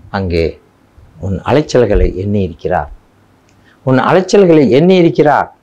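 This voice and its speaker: A man preaching a devotional sermon at a very slow, deliberate pace. He repeats phrases and leans hard on key words. The recording is dull and lo-fi. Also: mid-range voice. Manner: slow, emphatic, repeats phrases with rising stress. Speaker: pastor.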